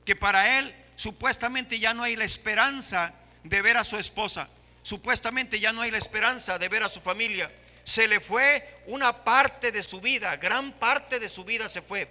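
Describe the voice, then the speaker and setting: Mexican pastor preaching in an echoing hall. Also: male voice, high voice, moderate pace. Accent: Mexican Spanish. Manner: impassioned preaching, rising to shouts. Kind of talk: sermon. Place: church hall. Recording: long hall reverb.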